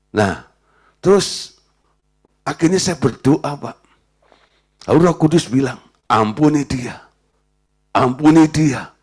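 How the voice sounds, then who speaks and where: Lively man preaching. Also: a little high, breathy edge. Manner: animated preaching, acts out quoted dialogue. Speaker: pastor. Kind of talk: sermon.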